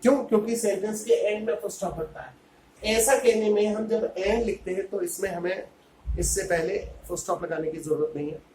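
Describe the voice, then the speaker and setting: A man teaching a grammar lesson, saying English phrases slowly and deliberately and then explaining them in Hindi. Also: high-pitched, a little mellow, slight background noise. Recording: echoey room.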